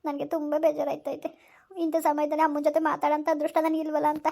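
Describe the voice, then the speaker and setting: A woman's voice: sits high, completely flat delivery, fast talker, gravelly, warm tone. A young woman, acting a tearful, pleading pregnant wife in a village skit.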